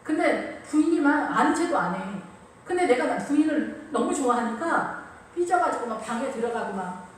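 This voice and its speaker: With a high-pitched voice at normal speed, a woman preaches an energetic sermon full of repeated phrases and dramatized quotations. The echoey church recording is distant, carrying faint ambience plus slight hiss or hum.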